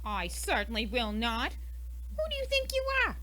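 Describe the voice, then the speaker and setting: A woman's voice: on the high side, wildly swooping pitch, normal speed, bright, forceful tone, exaggerated voice. A woman playing a brash, defensive, indignant American murder suspect in an old-time radio mystery, with a snappy, huffy delivery. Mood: indignant, sceptical.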